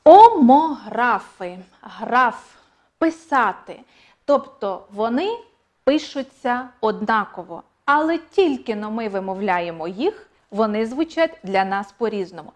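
A woman's voice: a little high, expressive, measured pace. Emphatic woman teaching an online lesson. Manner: clear, emphatic, repeats key points. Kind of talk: online exam-prep lesson.

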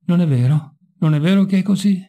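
A man's voice: high voice, brisk, mellow, pitched above the performer's own voice. A man reading as a sardonic young intellectual. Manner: sardonic, wry.

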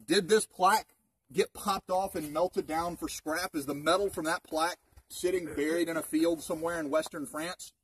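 This man, a park ranger in his thirties, has a slightly high, husky voice with a fairly bright tone, fairly even intonation, and a moderate pace. He's outdoors in open woods, giving a group a relaxed history talk full of rhetorical questions. A camera a few metres away records him on a distant outdoor mic.

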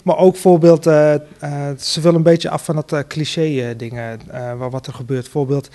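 A man, a theater director, answering interview questions earnestly with many pauses and fillers. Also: fairly high pitch, little pitch movement, mellow.

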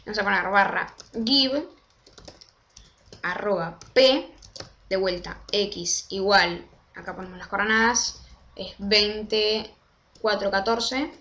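A young woman, casually walking through a game tutorial step by step and slowing down to spell out commands. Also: medium pitch, sharp tone. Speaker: Minecraft tutorial creator. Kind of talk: casual screen-recorded tutorial.

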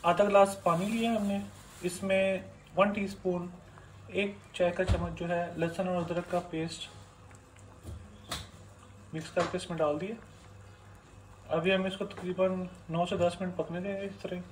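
Guy narrating his cooking, kinda high voice, little room hiss. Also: flat delivery, measured pace, pauses often, low-quality recording. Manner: plain step-by-step explaining. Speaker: cooking channel host. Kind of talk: cooking tutorial voice-over.

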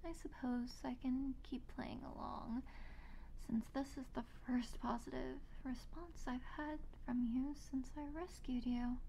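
Woman acting sweetly obsessive yandere, high ASMR role-play. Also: steady tone, gravelly, background noise. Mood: teasing, intrigued. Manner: sweet, eerily obsessive, slow teasing delivery. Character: possessive, teasing, sadistic yandere woman captor.

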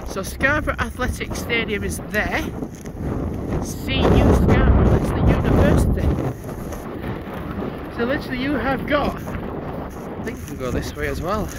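High-voiced vlogger in wind. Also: male voice, expressive, measured pace, pauses often. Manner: chatty, thinks aloud, reads signs out. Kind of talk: casual walking vlog narration. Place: outdoors on snowy paths by a stadium. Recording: wind noise on an outdoor mic.

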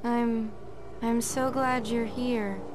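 A woman's voice: a little high, steady tone, takes it slowly, noisy background. A woman voicing a sweet, dazed young waitress in a video game, courteous and dreamy, eager to please.

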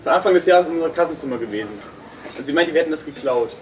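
Castingnotiz: junger Co-Host, stockend erzählend, fluchend, entfernte Aufnahme. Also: male voice, a little high, lively intonation. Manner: halting storytelling with restarts and swearing. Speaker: podcast co-host. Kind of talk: casual chat among friends. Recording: distant room mic with faint noise.

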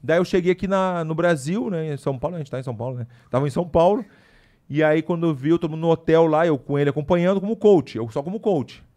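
A man talking as a podcast guest, his speech quick and rushing forward. He spins a casual story full of slang and side remarks, keeping it lively. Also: fairly high pitch. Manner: animated, slangy, with frequent asides.

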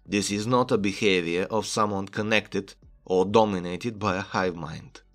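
A man with a low voice narrates an analytical video essay, stepping through his argument point by point and reading passages from the story aloud. Faint music plays quietly behind him. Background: background music.

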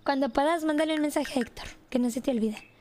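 A woman's voice: high voice, fast talker, a little mellow, a little hiss or hum. A woman with a Mexican accent giving playful, teasing gameplay commentary with sudden exclamations. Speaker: streamer playing a life-sim game.

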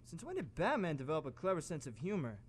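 A man's voice: on the high side, huge pitch swings, fast, breathy edge, long reverb tail, heavily acted. A man playing a cocky, wisecracking young superhero in an amateur radio play, chatty and sarcastic. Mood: amused.

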